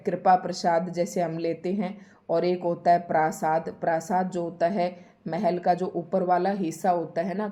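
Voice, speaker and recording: A woman's voice: lowish voice, warm tone. A woman teaching a Hindi spelling lesson for exam preparation. She explains patiently and says each word again and again to stress how it is spelled.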